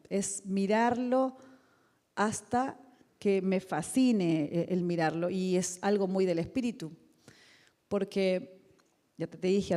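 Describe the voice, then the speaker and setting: A woman's voice: medium pitch, warm tone. A middle-aged woman preaching a sermon in a conversational way, asking many rhetorical questions and acting out little quotes. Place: church hall. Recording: long reverb of a large hall.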